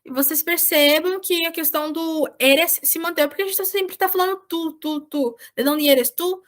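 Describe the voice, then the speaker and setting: A woman's voice: very high-pitched, fairly even intonation, normal speed, fairly bright tone. A Brazilian woman, a volunteer teacher, giving an online Spanish lesson and checking in often with her students. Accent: Brazilian Portuguese. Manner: explains patiently, checks in with "certo?". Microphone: video call.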